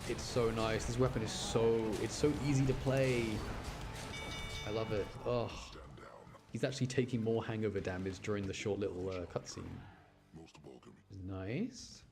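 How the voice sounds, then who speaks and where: A game streamer with a British accent gives chatty, informal live gameplay commentary, thinking aloud as he plays, with music behind him. His voice is fairly low and fairly even in intonation, at normal speed.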